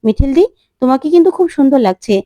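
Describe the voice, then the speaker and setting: A woman's voice: high voice, expressive, very fast, warm tone, dry recording. A woman voicing a blunt young woman who talks in a teasing way.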